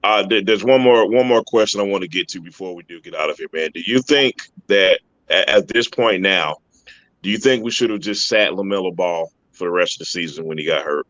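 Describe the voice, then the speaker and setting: A man's voice: deep voice, brisk, fairly bright tone, dry recording. A man hosting a casual sports podcast, laid-back, often tagging his sentences with "man.". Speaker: podcast host. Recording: dull, dry lo-fi sound.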